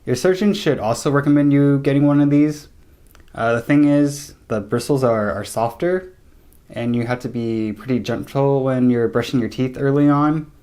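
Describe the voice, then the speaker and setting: Low-key young man chatting casually. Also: normal speed, warm tone, clean tone. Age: young adult. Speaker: vlogger giving recovery tips. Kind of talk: casual chat to camera. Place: small room indoors, seated at a table.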